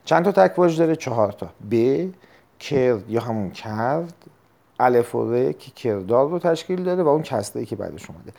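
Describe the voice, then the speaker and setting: A man teaching a recorded test-prep lesson, explaining step by step, repeating key terms and clearing his throat often. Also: mid-range voice, sing-song, mellow. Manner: frequent throat clearing and hesitations.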